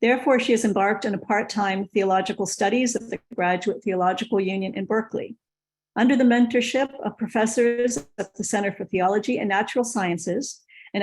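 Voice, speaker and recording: A woman's voice: medium pitch, darkish tone, low-quality recording. A woman moderator reading a prepared speaker bio on a video call. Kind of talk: formal speaker introduction.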